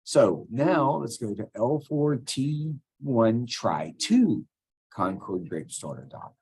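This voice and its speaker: A man's voice: mid-range voice, very animated, takes it slowly, a little mellow, slightly rough. A male teacher talking students through a computer task step by step, casual and thinking aloud as he clicks. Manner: step-by-step, talks while clicking. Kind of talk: screen-recorded software tutorial.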